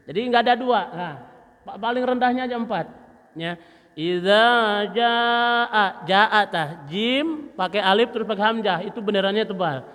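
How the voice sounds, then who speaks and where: A man teaching Quran recitation at a mosque study session, demonstrating letter sounds and slowly chanting verses. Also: high-pitched, fairly bright tone. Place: mosque hall. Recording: long reverb of a mosque hall.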